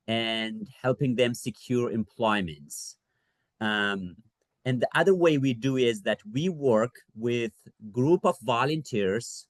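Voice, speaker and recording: A man's voice: mid-range voice, dry recording. Earnest man from Afghanistan presenting. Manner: earnest, measured, with frequent fillers. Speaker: refugee services associate director. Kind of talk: library presentation.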